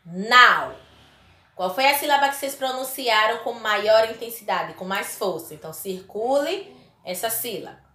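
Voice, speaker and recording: A woman's voice: a little high, moderate pace, fairly bright tone, echoey room. A woman teaching a primary school lesson to children, speaking in an affectionate, emphatic way and stretching out key words. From Brazil. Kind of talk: recorded classroom lesson for children.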